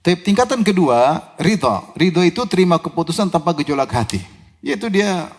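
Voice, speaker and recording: A man preaching a sermon. He recites Arabic verses, explains them, and asks his listeners questions that he answers himself. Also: fairly quick. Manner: animated, with sudden rises in pitch and loudness on key words.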